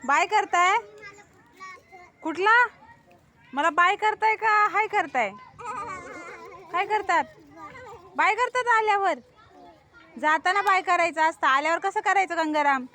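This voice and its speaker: A woman's voice: extremely high pitch, measured pace, pauses often, sharp tone, a little hiss or hum. A woman teacher coaxing young pupils with patient questions in a school classroom.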